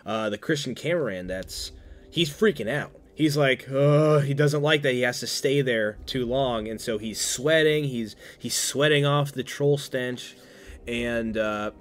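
Young male guest, mid-pitched, loose rambling delivery with lots of restarts and laughs. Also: a little slow. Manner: rambling, full of fillers and restarts, laughs often. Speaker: podcast guest. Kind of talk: casual movie recap chat.

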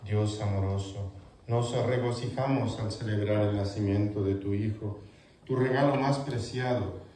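A man, a priest, leading Mass prayers with measured liturgical recitation in a church sanctuary. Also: on the low side, steady tone, warm tone, slight background noise. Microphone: far camera. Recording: echoey church from far off, congregation audible.

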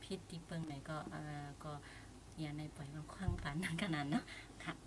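A woman speaks as a guest on a radio talk show, conversational and agreeable. Her voice sits low, and steady noise is heard behind her. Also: fairly quick.

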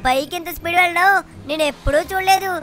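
A woman voicing a cheeky, mischievous little boy who shouts and brags while playing a video game. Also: very high voice, fast. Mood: excited boasting. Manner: shouty, bragging, teasing. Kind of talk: GTA game play-along voicing.

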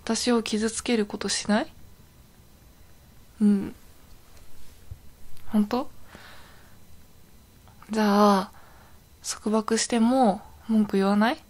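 A woman's voice: mid-range voice, fairly even intonation, takes it slowly, pauses often, darkish tone. A woman playing a young, possessive yandere girlfriend in an intimate role-play audio drama, sounding sweet, clingy and eerily obsessive.

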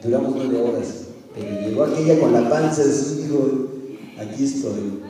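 Mexican preacher in an echoey hall. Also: male voice, mid-range voice, moderate pace, far from the mic. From Guadalajara, Mexico. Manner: animated, coaxing, laughing with the crowd. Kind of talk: lively sermon with audience games. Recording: echoey hall from afar with crowd.

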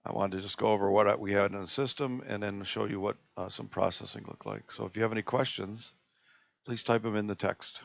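Gravelly man demoing software on a call. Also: lowish voice. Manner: relaxed, halting, many fillers and restarts. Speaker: astronomy club presenter. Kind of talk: live screen-share tutorial. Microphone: computer mic on a video call. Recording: dull lo-fi video call audio.

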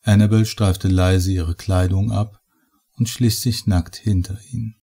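A man reading a horror story aloud in a measured storytelling manner. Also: low voice, steady tone, vocal fry, mellow. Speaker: audiobook reader. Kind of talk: scripted horror narration.

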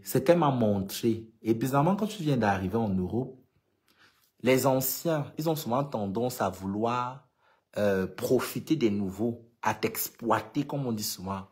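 The speaker, a Cameroonian LGBT activist with a Cameroonian French accent, has a medium-pitched voice with a darkish tone. Addressing followers in a casual vlog monologue, they speak emphatically and say key points more than once for stress.

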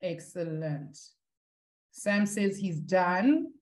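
Casting: woman as an online maths teacher, warm low voice, encouraging. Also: animated, drawn-out words. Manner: encouraging, talks to students through the chat. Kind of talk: live online maths lesson.

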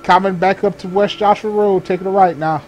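Playing a sheriff's deputy in a police patrol role-play, this gamer improvises radio call-outs, switching between clipped procedural jargon and offhand muttered asides. His voice is high and brisk with fairly even intonation. Game vehicle and ambient sounds play behind him, along with slight background noise.

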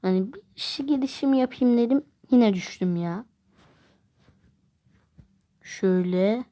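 A woman's voice: a little high, unhurried, warm tone. A woman chatting through a mobile game, commenting casually and crying out when things go wrong. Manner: chatty, exclaims and groans at the game. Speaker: gameplay vlogger. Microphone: phone.

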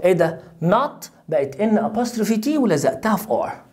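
A woman's voice: mid-range voice, sing-song, moderate pace, darkish tone. A woman with an Egyptian Arabic accent teaching English grammar to children, asking and answering her own questions in a playful way.

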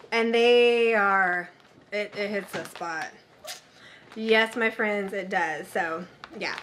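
A woman in her thirties chatting casually through a grocery haul in her home kitchen, excitable and talkative. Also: sits high, a little hiss or hum. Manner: chatty and excitable, with sudden squeals. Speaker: vlogger.

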